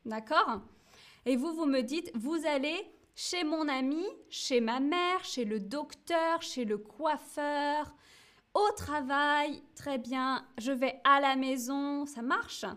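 A woman teaching French on a live stream, speaking slowly and clearly, checking in often and reading viewers' chat messages aloud. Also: high voice, fairly bright tone. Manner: slow, clear, patient teaching with frequent checks. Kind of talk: live-streamed language lesson.

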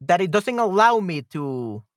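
This livestream host has a high-pitched, very animated voice yet takes his time, casually and hesitantly reasoning aloud as he fixes his audio. He's right up on the mic, with no echo.

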